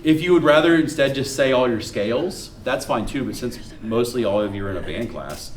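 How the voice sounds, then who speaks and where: A man's voice: medium pitch, a little fast, far from the mic, crowd noise. Male music teacher in a roomy classroom. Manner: energetic, quizzing students, counting notes aloud. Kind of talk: classroom lecture. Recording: roomy classroom with guitar behind.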